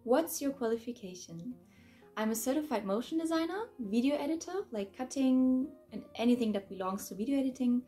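A woman's voice: fairly high pitch, expressive, a little fast, dark tone, soft background music. A woman in her mid-twenties, raised in Germany, chatting upbeat in a casual Q&A vlog from her bedroom. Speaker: YouTuber answering fan questions. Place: bedroom, indoors.

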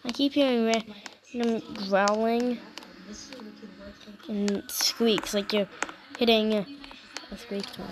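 A woman giving gameplay commentary in a hushed, half-whispered voice. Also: a little high, measured pace, pauses often, background noise. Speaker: gamer.

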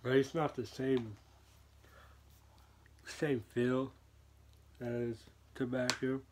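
A man's voice: mid-range voice, little pitch movement, drawn-out words, a little mellow, a little hiss or hum. A young man casually reviewing a product, slangy and rambling, talking with dip in his lip. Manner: laid-back, slangy, rambling.

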